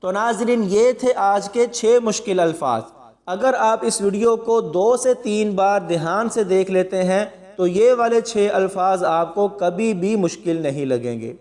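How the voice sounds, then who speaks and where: A man teaching Quran pronunciation in a spoken lesson, explaining each word calmly and spelling out the syllables slowly before reciting them. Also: high voice, in a large hall.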